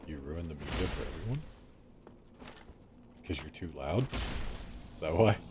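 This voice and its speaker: This live gameplay commentary comes from a man with a rumbling low voice and lively intonation, speaking a little slowly. He chats, rambles and jokes with viewers while game music plays amid a noisy background.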